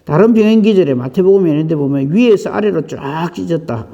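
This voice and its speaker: A man preaching a dawn prayer sermon in a conversational way, often clearing his throat and asking the congregation questions. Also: fairly high pitch, animated, brisk, mellow, long reverb tail, lo-fi sound. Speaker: pastor.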